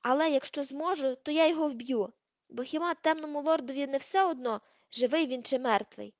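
A woman voicing a crude, hulking teenage boy bully who talks coarsely and shouts in a storybook reading. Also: high-pitched, fairly quick, no room sound, highs cut off, voice pushed up. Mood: furious.

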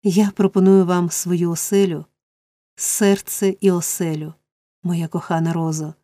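An earnest young man in love pleads insistently, as a woman reads him. The voice sits low and mellow, with no room around it. It reads like a classic novel on audiobook. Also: steady tone, measured pace, dry recording, natural voice. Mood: pleading. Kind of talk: audiobook character reading.

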